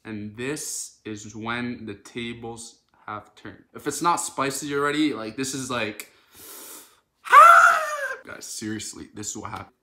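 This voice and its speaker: A young man from Canada telling an animated, dramatic storytime in a casual vlog. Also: medium pitch, normal speed, roomy sound. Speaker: social media creator.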